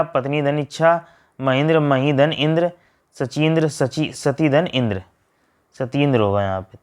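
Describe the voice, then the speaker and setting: Guy teaching grammar, reads word after word then breaks each one apart, steady drill. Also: a little high, clean tone. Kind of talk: grammar lesson.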